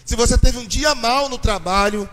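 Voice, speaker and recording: High-voiced Brazilian pastor in a reverberant hall. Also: male voice, normal speed. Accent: Brazilian Portuguese. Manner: animated, addresses the audience with questions. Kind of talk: lively church talk on marriage. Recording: reverberant hall, distant mic.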